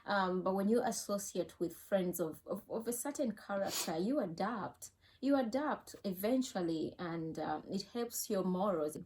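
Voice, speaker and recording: A woman's voice: mid-range voice, expressive, normal speed, a little mellow. A woman from Uganda with a Ugandan English accent, a mother earnestly cautioning and repeating her advice in a casual talk.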